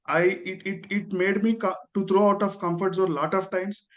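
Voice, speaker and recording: A high-pitched male voice with an Indian accent gives an earnest testimonial. He is respectful and deferential, frequently tagging "sir" onto the ends of his phrases. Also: fairly even intonation, moderate pace, fairly bright tone, lo-fi sound. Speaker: dentist, guest giving a testimonial.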